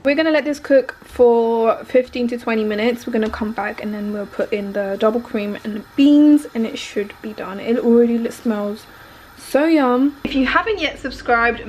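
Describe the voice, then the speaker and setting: A young woman chatting casually to viewers while she cooks in her home kitchen, filming on a handheld phone. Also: on the high side. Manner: chatty, bubbly, talks to viewers while cooking. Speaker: cooking vlogger. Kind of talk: casual cooking vlog chat. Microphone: handheld phone camera. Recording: noisy kitchen recording.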